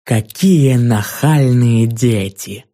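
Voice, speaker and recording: A man voicing a huge, vain fiery female giant who roars slow threats, in an audiobook reading. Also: medium pitch, mellow. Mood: menacing.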